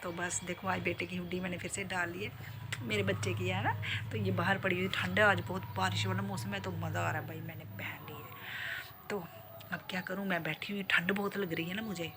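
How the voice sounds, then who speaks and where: A woman vlogger and beautician chatting playfully to her viewers from home, filmed on a phone. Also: fairly low pitch. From Jammu. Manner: chatty, playful, talks straight to viewers with many tag questions. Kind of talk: casual chatty home vlog. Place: at home, indoors. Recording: noticeable background noise.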